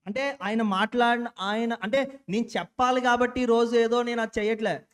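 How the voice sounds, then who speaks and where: A man's voice: extremely high pitch, steady tone, moderate pace. A young man speaking at a church, giving an informal sermon with frequent restarts and self-corrections, mixing in English words.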